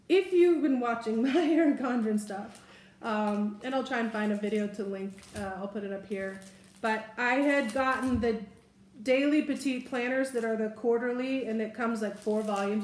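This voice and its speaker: This haul vlogger's medium-pitched voice carries an upbeat, rambling chattiness as she talks through her purchases. She's seated at a table in an echoey indoor room, recorded by a camera placed in front of her.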